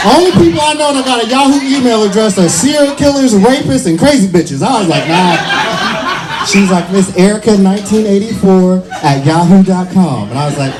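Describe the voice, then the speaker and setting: A man doing loose, profane stand-up comedy on a bar stage, telling stories in an animated way. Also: sits high. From Washington, D.C. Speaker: stand-up comic. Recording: loud crowd laughter and room noise.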